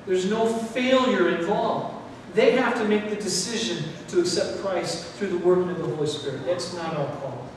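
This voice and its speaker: A middle-aged man preaching a sermon in a church, animated, acting out what people think. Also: high-pitched, moderate pace, few pauses, a little hiss or hum. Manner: animated, gesturing while preaching, acts out quoted thoughts. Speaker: pastor. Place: church sanctuary, indoors. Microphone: far camera, no mic worn. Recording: echoey hall from far off.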